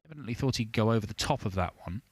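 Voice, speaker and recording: A man's voice: fairly low pitch, expressive, rapid-fire. A man giving live darts commentary as a sports commentator. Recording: faint venue noise behind commentary.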